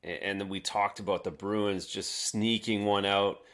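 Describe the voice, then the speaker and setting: A man co-hosting a sports podcast, analyzing calmly and stumbling over repeated words. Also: fairly low pitch. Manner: measured, repeats words while building a point. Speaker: podcast co-host. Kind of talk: casual sports talk.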